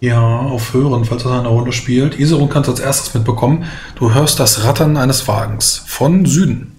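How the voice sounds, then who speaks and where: A man's voice: mid-range voice, normal speed, darkish tone. A man narrating a tabletop role-playing game as game master, in a descriptive, explanatory way.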